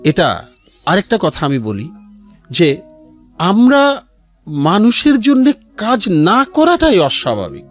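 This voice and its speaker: A middle-aged man with a Bangladeshi accent speaks in a high voice whose pitch swoops wildly, going slowly and pausing often. As a guest in a radio studio interview, he tells his life story and offers earnest advice, with music playing behind him.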